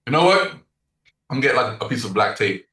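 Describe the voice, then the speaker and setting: A man being coached over a video call, relaxed and agreeable, chuckling often. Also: mid-range voice, quick pace. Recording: roomy, distant from mic.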